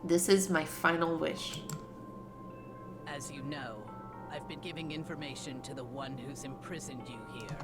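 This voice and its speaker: Woman doing a low-voiced, solemn warrior woman. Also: over loud music. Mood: solemn, regretful. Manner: grave, measured, formal. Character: solemn, stoic, honorable female martial artist. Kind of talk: video game character read-aloud.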